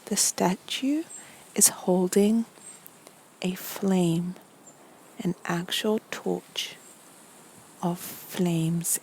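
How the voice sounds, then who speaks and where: A woman narrates a guided meditation story soothingly and deliberately, her soft, breathy, mid-range voice often close to a whisper. She leaves many pauses between short phrases, and the audio quality is poor.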